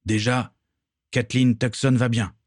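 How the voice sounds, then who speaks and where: A man voicing a calm, commanding pirate captain in a read-aloud story. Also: mid-range voice, takes it slowly, no echo, studio quality, pitched above the performer's own voice, close to an everyday voice. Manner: steady, commanding.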